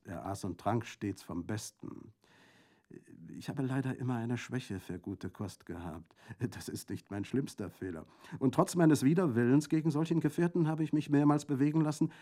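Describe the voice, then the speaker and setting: A man's voice: medium pitch, expressive, normal speed, warm tone, pitched above the performer's own voice, close to an everyday voice. A man reading a novel aloud, playing a cool-headed bandit who tells his story with dry irony. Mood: wry. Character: cool, witty middle-aged male bandit. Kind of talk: audiobook reading.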